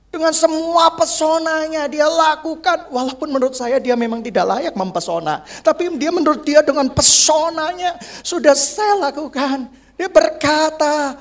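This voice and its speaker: A male pastor preaching a lively, humorous sermon, acting out the voices of people in his stories. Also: extremely high pitch. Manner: humorous, acts out congregants' voices.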